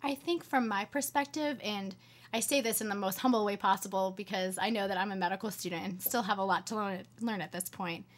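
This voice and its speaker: A woman's voice: medium pitch, brisk. A young woman in her twenties, a medical student answering interview questions earnestly with many fillers. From United States.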